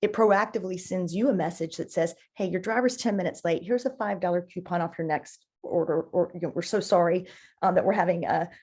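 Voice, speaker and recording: On a marketing podcast, a female interview guest gives enthusiastic, conversational explanations in a fairly low, slightly mellow, somewhat rough voice. She pauses and repeats words as she works through her thoughts.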